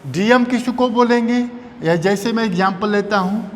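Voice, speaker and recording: A man a high voice teaches a chemistry lesson, repeating each term and asking his students questions he then answers himself. His voice rings out a long reverb, and a faint hum of noise sits underneath. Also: moderate pace. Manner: repetitive, asks and answers own questions. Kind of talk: classroom lecture.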